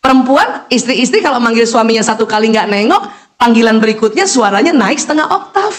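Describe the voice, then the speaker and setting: A middle-aged woman doctor giving a lively parenting lecture, acting out calls and talking straight to the mothers listening. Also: on the high side, brisk. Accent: Indonesian. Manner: animated, acts out calls and quotes, talks directly to mothers in the audience.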